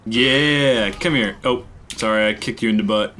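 A man's voice: fairly low pitch, moderate pace, pushed and bright. A man who laughs often, playing a video game casually with a friend. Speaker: gamer. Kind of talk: casual co-op gameplay commentary.

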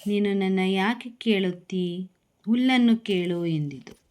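Slow, careful woman reading a story. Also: medium pitch, a little mellow. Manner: slow, clear storybook reading with repeated calls. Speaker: teacher. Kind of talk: reading a story aloud, then explaining it.

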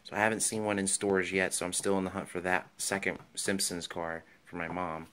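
Bright-voiced man rambling about toy cars. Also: sits low, little pitch movement, fairly quick. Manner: rambling, enthusiastic, many ums and restarts. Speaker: toy car collector vlogger. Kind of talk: casual show-and-tell vlog.

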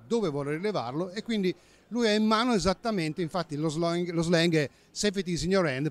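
At a busy indoor trade fair stand, a company safety manager in his fifties demonstrates a safety app into a handheld interviewer mic. His voice is on the high side and a little mellow, and he explains fluently with small self-corrections.

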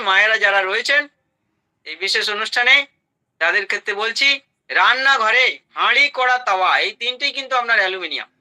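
A man's voice: sits high, sharp tone, rough recording. A man giving a health talk to an audience, emphatic, listing items in short bursts and asking rhetorical questions. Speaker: health speaker.

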